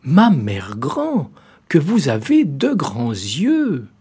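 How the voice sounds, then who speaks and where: Man doing a little girl's voice, high and trusting, wide-eyed, storybook. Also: huge pitch swings, extremely slow, a little mellow, slightly rough, exaggerated voice. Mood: wondering.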